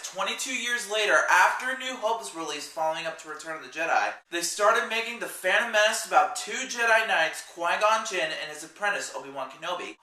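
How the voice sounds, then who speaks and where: In a chatty, rambling movie review vlog full of sidetracked asides, a man speaks in a high-pitched, sharp voice. The mic sits at a distance, leaving a roomy echo.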